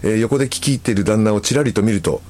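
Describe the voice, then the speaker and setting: A man hosting a radio show, reading listener letters aloud and chatting about them in a relaxed way with frequent chuckles. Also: on the low side, fast. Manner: relaxed, chuckles often, comments between letters. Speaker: musician.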